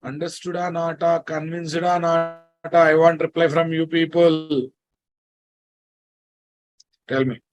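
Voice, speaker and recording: A programming teacher with a Telugu Indian English accent lectures in a fairly high, level-toned voice, moving slowly and leaving long pauses. He tends to repeat himself and regularly checks his class is keeping up. The audio sounds muffled.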